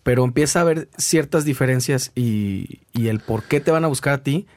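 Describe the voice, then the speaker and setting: A man's voice: medium pitch, normal speed, darkish tone. A man hosting a casual interview, reflecting aloud and prompting his guest with questions. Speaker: podcast host.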